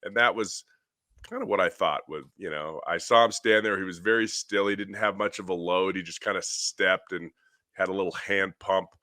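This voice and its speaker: A man's voice: low voice, steady tone, normal speed, sharp tone, dry recording, studio quality. A middle-aged man co-hosting a podcast, rambling eagerly through a baseball swing breakdown. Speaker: podcast co-host, hitting coach. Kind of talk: casual podcast chat.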